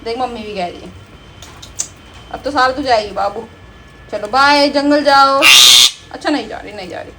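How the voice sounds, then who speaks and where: A woman's voice: high voice, normal speed, pauses often, fairly bright tone, a little hiss or hum. A woman vlogger, chatting casually to her pet parrots and switching between scolding and coaxing baby talk.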